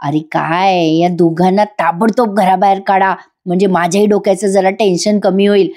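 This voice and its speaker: A woman voicing a scheming young woman's spiteful private thoughts, quieter and lower. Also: fairly even intonation, moderate pace, lightly acted. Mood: sneering.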